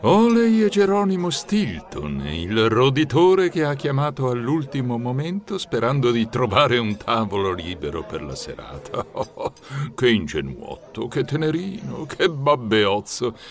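An actor voicing a haughty, condescending waiter in an audiobook. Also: male voice, medium pitch, very animated, measured pace. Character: smug snooty male waiter. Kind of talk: audiobook character voice.

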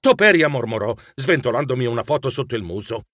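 A man narrating a children's story in the first person, animated and expressive, with grumbly asides. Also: medium pitch, fast, no echo, studio quality. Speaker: audiobook narrator.

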